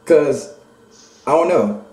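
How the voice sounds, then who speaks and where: A young man with a mellow, slightly high voice, hesitating and stammering as he makes a phone prank. He sounds off the mic, in a roomy space with a clear echo. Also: expressive, takes it slowly, far from the mic. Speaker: prank caller on a phone call.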